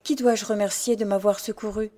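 A blind young woman, as a female narrator puts her on, pleading in a high voice that rises into loud cries. She sounds scared and helpless in a read-aloud novel. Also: fairly even intonation, fairly quick, lightly acted. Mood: timid.

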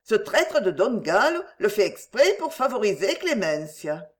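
A woman's voice: mid-range voice, big pitch swings, a little slow. A woman voicing a playful young woman who chatters and teases. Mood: teasing. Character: teasing, lively young woman.

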